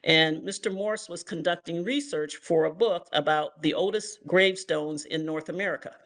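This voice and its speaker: Older woman giving a history talk over a video call, kinda gravelly, lots of ums, steady pace. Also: lowish voice. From Toledo, Ohio, US. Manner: measured, with frequent ums and uhs. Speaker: guest speaker and author. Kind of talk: online history lecture.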